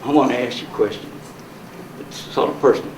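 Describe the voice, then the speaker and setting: A man's voice: medium pitch, fast talker, echoey room, recorded from a distance, noisy background. A man hosting a talk show, chatting casually and asking playful, teasing questions. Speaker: show host. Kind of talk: casual interview chat.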